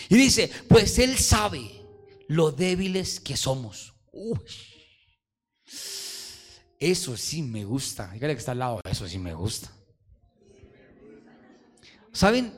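A man with a Colombian accent preaching a sermon, telling stories with lively emphasis and having the congregation repeat phrases to each other. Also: a little high. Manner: animated storytelling, calls on congregation to repeat. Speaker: pastor.

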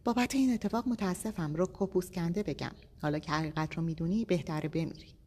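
A cold male captor speaks in a flat, controlled way, read by a woman narrator. Her voice sits low, with a long reverb trailing behind. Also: a little hiss or hum, lightly acted. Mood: bitter. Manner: calm, emotionless, controlled.

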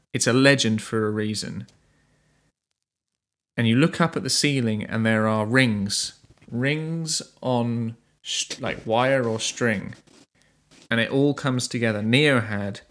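A man narrating an improvised tabletop game as game master, halting as he searches for words. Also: medium pitch, a bit bright.

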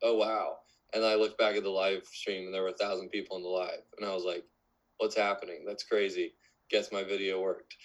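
A man's voice: deep voice, flat delivery, fairly quick, low-quality recording. A man of twenty-one, a musician guest in a casual podcast interview, talking in a rambling way full of fillers.

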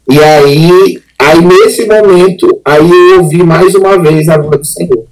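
A man, a pastor giving an emotional personal testimony as a podcast guest, earnest and halting, often repeating words. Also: on the high side, low-quality recording.

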